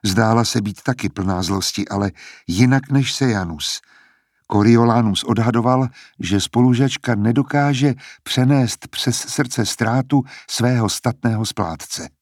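A man narrating a novel in a steady, even storytelling voice. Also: medium pitch, dry recording, clean studio sound. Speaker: audiobook narrator. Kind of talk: scripted narration.

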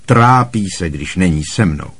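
A man reading aloud, voicing a bossy, loud middle-aged aunt who barks harsh scolding at a boy. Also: expressive, slightly rough, full character voice. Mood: scornful. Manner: booming, barking and harshly scolding.

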